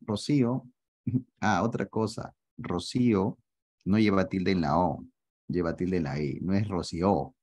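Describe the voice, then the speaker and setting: A man teaching math in an online class, joking with his students and asking often whether it is clear. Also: low-pitched, unhurried, a little mellow, dry recording. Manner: joking, teasing, asks students to confirm often.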